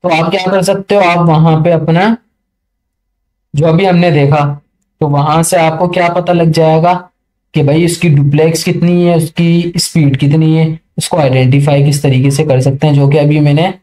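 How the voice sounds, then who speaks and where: High-voiced man teaching a chatty tech lesson. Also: level tone, darkish tone. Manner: chatty, keeps checking understanding; reads English passages slowly and haltingly. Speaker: networking tutor. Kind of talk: screen-share tech lesson.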